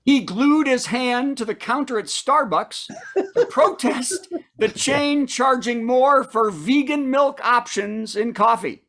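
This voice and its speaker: Comedy show host, mid-pitched voice, punchy late-night topical jokes, setup-and-punchline delivery with asides. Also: takes it slowly, fairly bright tone. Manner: sets up news items then delivers punchlines, with asides to the audience.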